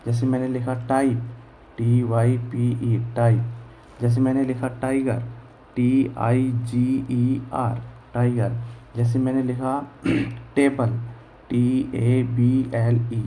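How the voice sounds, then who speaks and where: A man's voice: mid-range voice, dark tone, slight background noise, low-quality recording. A man teaching English pronunciation, spelling words letter by letter and answering his own questions as he explains. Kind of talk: slow classroom explanation in Hindi.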